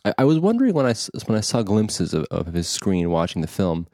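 A man co-hosting a podcast in casual chat, thinking aloud in a halting way and repeating words. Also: lowish voice, big pitch swings, warm tone, dry recording, clean studio sound. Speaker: podcast co-host.

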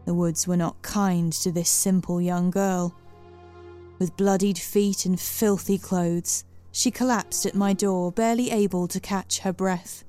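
A woman voicing a wiry old female hag, speaking with slow, smirking menace and a crackling voice. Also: lowish voice, fairly even intonation, mellow, faint music behind, natural voice. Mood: menacing.

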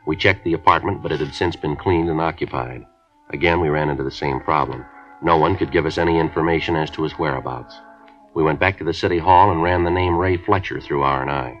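Police sergeant, very deep, clipped, deadpan, matter-of-fact, dull old radio. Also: male voice, fairly quick, faint music behind. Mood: calm. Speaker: detective narrator. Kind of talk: 1950s radio drama narration. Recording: dull 1950s radio broadcast.

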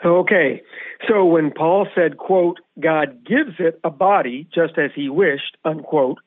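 A man's voice: on the high side, takes it slowly, no echo. A man teaching the Bible on a radio program, explaining scripture in a methodical way and putting questions to his co-host. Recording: tinny, phone-like radio audio.

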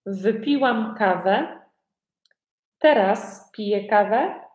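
Woman teacher, very slow deliberate speech, repeats easy questions, echoey room. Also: mid-range voice, expressive, darkish tone. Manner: asks learners many simple repeated questions. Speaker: Polish language teacher. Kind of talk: slow repetitive language lesson.

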